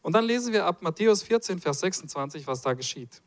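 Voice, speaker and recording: A man preaching, his voice sitting high and swooping up and down as he talks. He reads scripture and breaks into playful asides to the congregation. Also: expressive, fast. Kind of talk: lively sermon with Bible reading.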